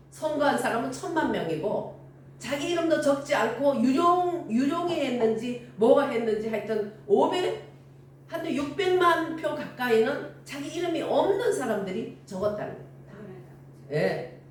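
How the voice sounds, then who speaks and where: A woman's voice: fairly high pitch, slight background noise. An older woman preaching a sermon and telling stories animatedly, acting out the dialogue. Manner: animated storytelling with acted-out dialogue. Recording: echoey room from far off with faint ambience.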